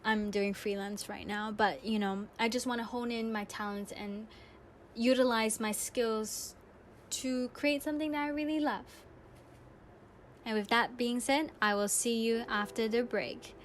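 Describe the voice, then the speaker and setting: Speaking to listeners in a monologue, this young adult woman recounts personal anecdotes with reflective sincerity on her radio-style podcast. Her pitch is fairly high, her pace a touch slow, and there's a bit of background noise.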